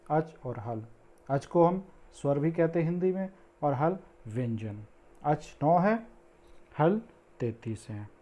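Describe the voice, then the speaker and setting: A man's voice: on the high side, a little mellow. A man teaching a grammar lesson in a teacherly way, reciting Sanskrit verses and drawing out vowel sounds.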